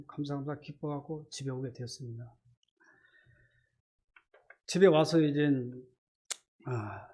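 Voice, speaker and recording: A middle-aged man, a church deacon, gives an earnest, halting personal faith testimony during a church service, with many fillers. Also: medium pitch, mellow, slightly rough. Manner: earnest, halting, many fillers, acts out his inner voices.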